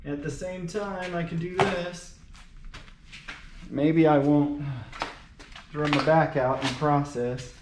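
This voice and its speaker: A folksy DIY car repair vlogger talks off the cuff while he works, muttering to himself and explaining things to the camera. His voice is fairly high and steady, slow with frequent pauses. The audio is echoey and noisy, with clicking and a mic distance that keeps shifting.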